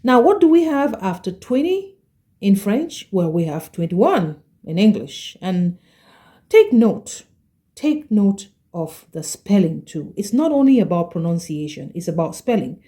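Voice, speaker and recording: A woman teaching a French lesson, explaining patiently and repeating each word slowly, often checking in with "okay?". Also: medium pitch, sing-song, mellow. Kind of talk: slow explanatory language lesson.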